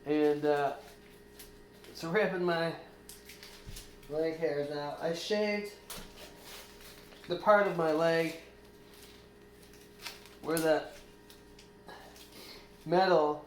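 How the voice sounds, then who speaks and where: Guy vlogging at home, talks real slow, kinda high voice, roomy echo. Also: fairly even intonation, slight background noise. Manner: plain-spoken, explains step by step. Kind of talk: casual home-video narration. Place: room in a house.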